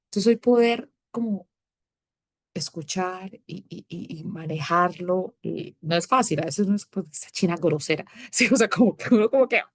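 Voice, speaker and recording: Female guest, 30s, slightly low, animated storyteller acting out dialogue, dry studio sound. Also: moderate pace, no room sound. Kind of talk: personal testimony in casual conversation.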